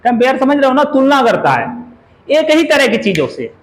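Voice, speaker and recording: A man's voice: extremely high pitch, big pitch swings, moderate pace, low-quality recording. A man teaching a grammar lesson in a classroom, who keeps firing questions at his students and drills words by saying them over and over. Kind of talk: classroom lecture.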